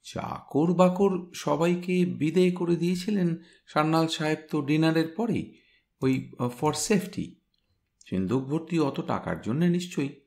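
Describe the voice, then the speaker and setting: A man reading a story aloud, voicing a smart young woman who briskly recounts a crime scene. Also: a little high, a little mellow, pitched above the performer's own voice.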